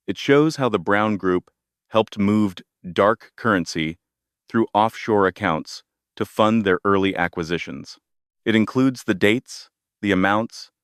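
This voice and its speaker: A man reading a calm, commanding businesswoman. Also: on the low side, dry recording, studio quality, natural voice. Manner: calm, measured, authoritative. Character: cold, commanding woman executive taking revenge.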